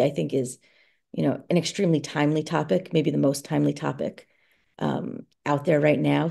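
A woman's voice: deep voice, gravelly, warm tone, breathy edge. A woman moderating a video call, hesitant, with many ums and you knows. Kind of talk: casual moderating.

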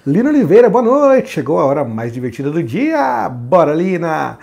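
A woman co-hosting a live stream, reading out viewers' names and greetings in a lively way. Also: deep voice, moderate pace, vocal fry, husky. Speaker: co-host reading viewer comments. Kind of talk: reading out live chat comments.

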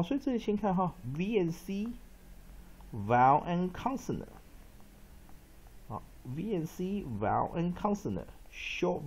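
A man teaching English pronunciation, repeating example words slowly and emphatically and dropping short filler particles between phrases. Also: a little high, darkish tone, slightly rough. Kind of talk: pronunciation lesson.

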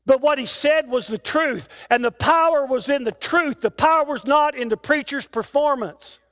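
A pastor stands in a church sanctuary and preaches in a very high male voice. He builds long rhythmic lists, then drops into plain conversational asides to his congregation. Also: moderate pace, a bit bright. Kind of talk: sermon.

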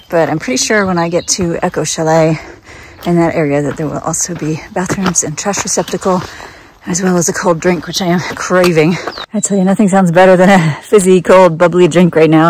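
Middle-aged woman hiking, talking to her phone outdoors, lowish voice, a little faint hiss behind. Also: a little mellow. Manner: chatty, upbeat, laughs often. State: hot and tired from hiking. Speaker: hiking vlogger. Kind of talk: casual trail vlog. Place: outdoors on a mountain trail. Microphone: phone at arm's length.

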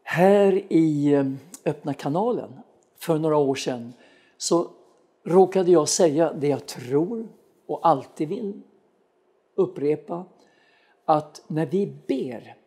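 A man preaching on a broadcast sermon, his voice sitting a little high yet mellow and soft-edged. He speaks earnestly and turns straight to his listeners, weaving a personal story into the sermon. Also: lively intonation. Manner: earnest, addresses listeners directly. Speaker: pastor. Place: studio broadcast of a web church.

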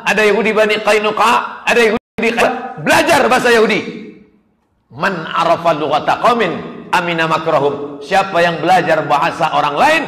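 A male preacher, giving a humorous, animated public sermon that mixes Arabic verses with joking asides. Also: sits high. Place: large hall at a mass religious gathering. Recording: echoey hall with long reverb.

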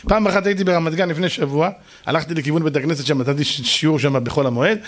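Rabbi preaching to a crowd, bit high voice, asks stuff and answers it, acts out yelling and calm bits. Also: male voice. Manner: animated, mimics shouting and soft calm voices for effect; asks the audience questions and answers them himself. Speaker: rabbi giving a Torah lesson. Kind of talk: lively sermon to a live audience.

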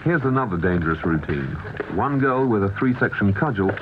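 A man reading scripted documentary narration in a measured, even way, heard from a worn VHS tape copy. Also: fairly low pitch, background noise. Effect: worn VHS tape copy, muffled and lo-fi. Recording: muffled worn videotape with music behind.

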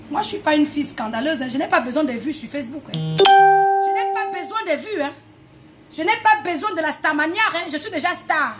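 A woman singer from Cameroon delivering a heated, repetitive, confrontational rant to the camera. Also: very high-pitched. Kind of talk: angry video rant.

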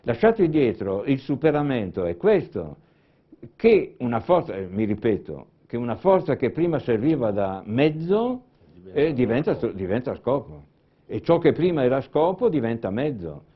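A man giving a talk as a panelist at a conference, speaking deliberately and often restarting and repeating words. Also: mid-range voice, sing-song. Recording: dull lo-fi conference recording.

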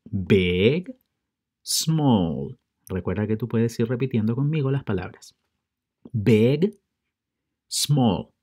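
A man teaches a children's English lesson at a very slow, deliberate pace. He drills each pair of words over and over and leans on the pronunciation so learners can copy him. His voice sits at an ordinary middle pitch. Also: animated, a little mellow, husky. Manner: drills word pairs with slow, careful repetition. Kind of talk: bilingual vocabulary lesson for children.

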